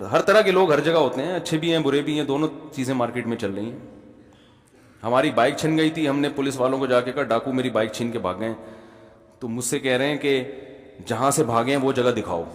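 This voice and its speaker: A man with a Pakistani Urdu accent preaching a sermon, telling a funny personal story and often calling the audience brother. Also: mid-range voice. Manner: humorous anecdotal, addresses audience as brother. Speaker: Islamic preacher. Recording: long hall reverb.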